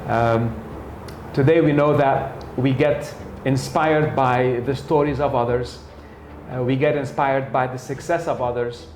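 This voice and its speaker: A sales trainer hosting an interview speaks in a steady, mid-range, darkish voice at a measured pace, chatting conversationally with frequent fillers. The recording has a slight hiss or hum, an echoey room, and faint ambience.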